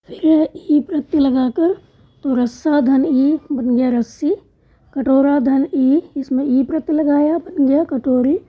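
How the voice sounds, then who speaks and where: High-voiced woman teaching a school lesson. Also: steady tone, measured pace, dark tone. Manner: patient, spells out letters and word parts one by one. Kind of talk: explaining a school exercise step by step. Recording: dull lo-fi sound.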